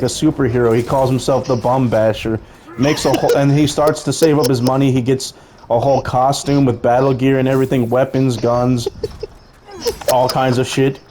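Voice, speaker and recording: A man's voice: medium pitch, darkish tone, a little hiss or hum. Rambling profane young man telling a story. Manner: rambling, profane, laughing at his own story. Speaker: storyteller pitching a film idea. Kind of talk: casual storytelling.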